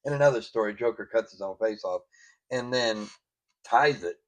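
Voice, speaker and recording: A man co-hosting a podcast, chatting casually about a comic book with loud bursts of disbelief and a relaxed drawl. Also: lowish voice, normal speed, low-quality recording. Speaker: podcast co-host.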